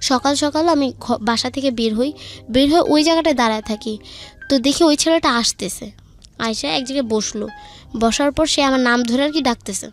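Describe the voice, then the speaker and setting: Over music, a young Bangladeshi-accented guest shares her life story in a casual, colloquial way, replaying conversations line by line. Her voice is high and her pace a little fast.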